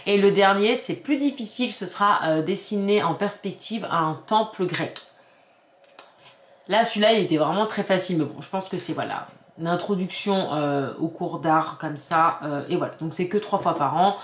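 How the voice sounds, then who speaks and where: A woman's voice: fairly low pitch, moderate pace. A woman from France in her forties, chatting casually as a vlogger at home, rambling with many restarts and fillers. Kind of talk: casual chat. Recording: echoey room.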